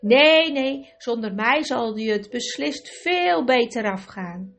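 A woman's voice: on the high side, animated, takes it slowly, fairly bright tone, full character voice. A woman voicing a wry old male magician in a storybook reading.

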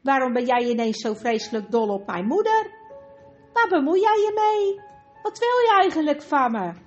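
A woman's voice: very high voice, expressive, slow, muffled recording, faint music behind, voice pushed up, heavily acted. A woman voicing a young boy in a storybook reading, strained and defiant. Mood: angry. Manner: strained, pleading then angry.

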